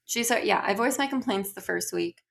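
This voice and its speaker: A woman co-hosting a casual podcast, with a creaky, gravelly texture to her voice. She talks in an animated, exasperated way. Her delivery is dry and sardonic. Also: medium pitch, brisk. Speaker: podcast co-host. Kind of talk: casual chat.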